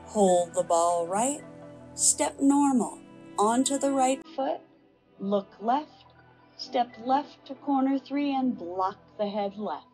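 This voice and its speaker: An older woman instructor calling out tai chi movements in serene, measured short phrases. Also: a little high, lively intonation, warm tone, faint music behind.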